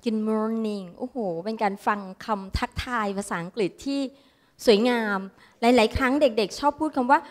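A woman's voice: on the high side, moderate pace. A woman teacher giving an exam tutoring lesson in a school classroom, spelling words out letter by letter and quizzing her students.

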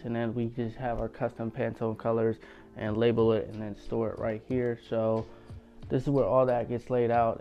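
A young man gives a casual walkthrough of his home basement screen-printing shop, explaining each room in a relaxed way on a lapel mic. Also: medium pitch. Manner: relaxed, explanatory, leans on fillers like "game changer". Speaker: small business owner giving a shop tour.

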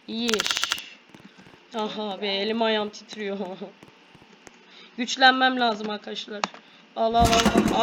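A woman hosts a gaming video, talking straight to her viewers. When the fights start, she shouts quick commands over and over. Her voice sits fairly high, and loud noise runs under the recording. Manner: addresses viewers constantly. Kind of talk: excited gameplay commentary.

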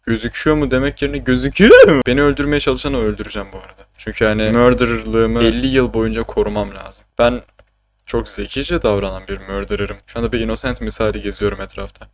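A man's voice: on the low side, steady tone, fast talker. A young man from Turkey chatting casually while streaming a game, joking, swearing and often laughing. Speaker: gaming streamer. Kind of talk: casual gaming commentary.

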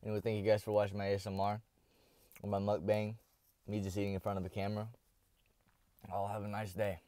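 A teenage boy rambling offhand through a casual snack review in his parked car, often dropping into low, soft asides. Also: monotone, fast, noisy background.

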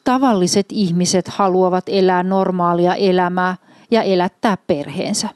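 A woman from Finland reading a scripted documentary voice-over in a calm, measured way. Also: on the low side, clear, resonant tone, no room sound. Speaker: narrator.

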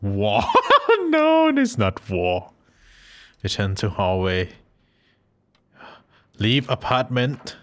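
A man streaming a text game, calling out commands slowly and laughing often. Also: on the low side, very animated. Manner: slow, drawn-out commands with bursts of laughter. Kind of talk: casual gaming stream.

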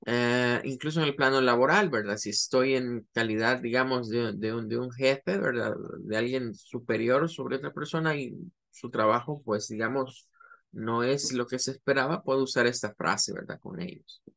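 A man teaching English phrases in a classroom lecture, explaining step by step and repeating examples slowly. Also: medium pitch, gravelly, a bit bright. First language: Spanish.

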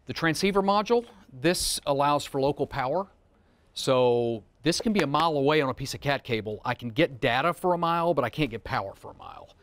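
A middle-aged man, seated among a small group at a studio demo table, leads a seminar demonstrating a product in informal, down-to-earth language with offhand comments. He speaks briskly and expressively in a mid-range voice. The close wireless mic recording has no echo.

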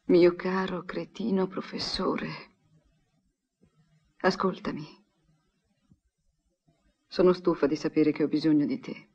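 An anguished young woman, slow and husky. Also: on the low side, fairly even intonation, darkish tone. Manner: intimate, anguished, confessional. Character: troubled young woman pining for her professor. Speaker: troubled young woman on the phone. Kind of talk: 1960s Italian film dub. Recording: dull lo-fi film soundtrack.

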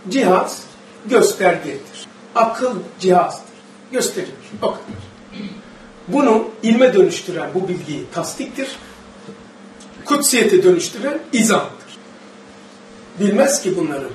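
In a mosque or study hall, a man with a Turkish accent gives an impassioned religious study sermon, animated, a little slow and with long pauses. He rises to high, emphatic bursts, quotes Arabic verses and puts questions to his listeners. The audio is echoey, with faint noise and a distant mic.

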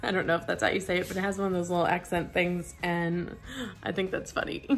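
Her voice sits fairly low, delivered flat and fast, as this young beauty vlogger casually unboxes a subscription box. She tries out the makeup while musing aloud, her talk full of fillers.

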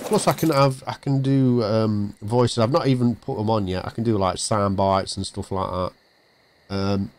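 Rambling man, low voice. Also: a little mellow, a little hiss or hum. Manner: rambling, chatty, talks to viewers while playing. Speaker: game streamer. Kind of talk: casual live-stream chat. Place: home streaming setup. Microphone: desk mic through a mixer.

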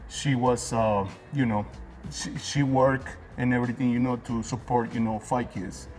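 A man's voice: medium pitch, fairly even intonation, moderate pace, darkish tone, soft background music. Earnest Guatemalan-born man hosting a chat. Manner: plain-spoken, earnest storytelling with fillers. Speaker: host. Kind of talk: casual interview. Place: detailing supply shop, indoors.

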